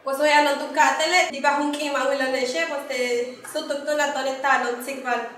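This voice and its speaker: A young woman from Yucatán, Mexico, teaching a language lesson in a halting way with many fillers. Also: high voice, little pitch movement, fairly bright tone. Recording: echoey room, far from mic.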